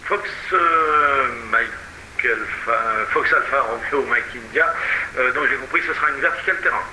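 A man's voice: mid-range voice, moderate pace. A man working as an air traffic controller, giving courteous, hesitant instructions over a radio headset. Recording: roomy, slightly noisy radio transmission.

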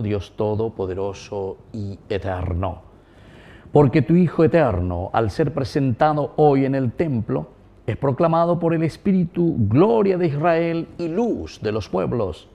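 A man's voice: medium pitch, expressive, mellow. Solemn man praying as a priest at Mass. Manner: solemn, measured, formal. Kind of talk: liturgical prayer recitation. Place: small indoor wood-panelled chapel. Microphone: lapel mic.

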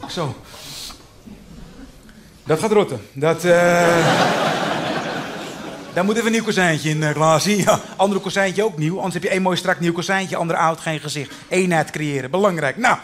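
A man doing a brash, high-voiced contractor. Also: moderate pace, pauses often, background noise, natural voice. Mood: pushy, upselling. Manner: brash, repetitive, overly familiar sales patter. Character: pushy chummy male contractor, upselling. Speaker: contractor inspecting a house. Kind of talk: cabaret sketch character.

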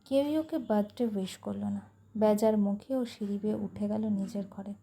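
A woman's voice: medium pitch, normal speed, creaky, breathy edge. A woman reading a family story aloud, narrating and voicing every character in the dialogue herself. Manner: voices all characters herself, lively dialogue. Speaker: story reader.

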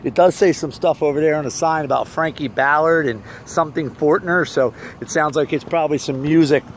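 Speaking a little high and a little fast, a vlogger in his forties strolls outdoors through a parking lot and around a bar, casually reviewing local bars without a script. He rambles and thinks aloud into a phone held at arm's length, and the recording is noisy.

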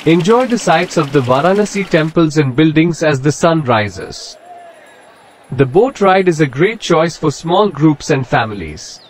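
A man giving a scripted travel narration in an even, informative guidebook manner. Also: on the high side, unhurried, a little hiss or hum. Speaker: travel vlogger.

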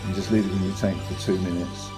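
A man's voice: deep voice, quick pace. A man giving a casual, practical how-to talk in his home kitchen, with some fillers. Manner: relaxed, plain and practical, with fillers. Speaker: photography hobbyist demonstrating. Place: home kitchen, indoors, at the sink. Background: running tap water and loud music.

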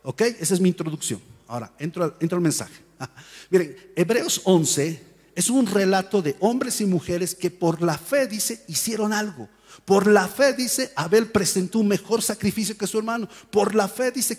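A male pastor preaching a sermon in a church, telling Bible stories in a lively way and acting out the voices of the people in them. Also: high voice, husky, big-room sound. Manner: animated storytelling, acts out voices and shouts. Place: church hall.

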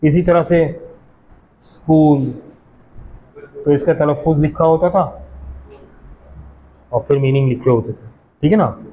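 Fairly high-voiced teacher drilling pronunciation. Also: male voice, mellow, dull audio, a little hiss or hum. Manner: explains patiently, repeats words slowly, asks the class questions. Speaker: college teacher. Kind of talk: classroom lecture on English pronunciation. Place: classroom.

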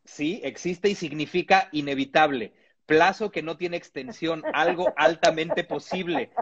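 A man's voice: a little high, unhurried, a bit bright, husky, dull audio. A man from Mexico, reading a humorous text aloud with comic asides and chuckles.

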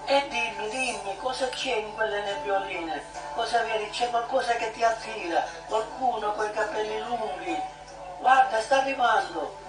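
A woman's voice: fairly high pitch, moderate pace. A woman leading a guided prayer meditation, coaxing her listener on with short repeated prompts. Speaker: prayer leader. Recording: echoey room from a distance with music.

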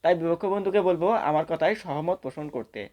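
Fast formal male debater. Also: a little high, a little mellow. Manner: formal, lecturing, counts off figures.

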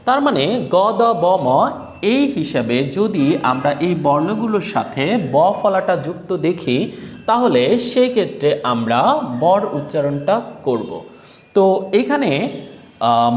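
A man teaching a grammar lesson, spelling words out syllable by syllable and asking the class questions. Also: on the high side. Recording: echoey room with long reverb.

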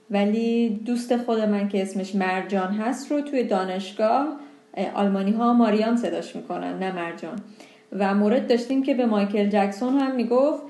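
A young woman teaching a language lesson, explaining pronunciation patiently and slowing down on example words. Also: mid-range voice, warm tone.

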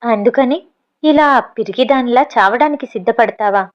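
A woman reading the part of a caring young woman friend, gentle and coaxing, in a storybook reading. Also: fairly high pitch, normal speed, muffled recording, close to an everyday voice. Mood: worried coaxing.

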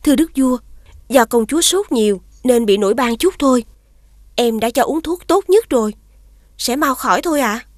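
A woman's voice: fairly high pitch, animated, moderate pace, dry recording, studio quality, natural voice. A woman voicing a scheming female witch who poses as the queen's sister in a cartoon, sly and commanding. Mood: sweetly false. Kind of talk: cartoon dubbing.

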